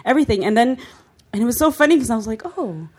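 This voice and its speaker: A woman's voice: a little high, racing, darkish tone. A woman in casual chat, talkative and agreeable. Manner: chatty, agreeable.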